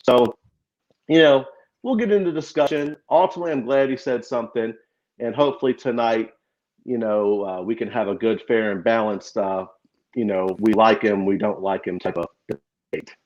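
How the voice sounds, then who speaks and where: A man's voice: lowish voice, normal speed, darkish tone. A man speaking as a fan panelist on a live show, emphatic and opinionated, through a crackling, distorted earphone mic. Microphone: earphone headset mic. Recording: dull, crackling lo-fi mic sound.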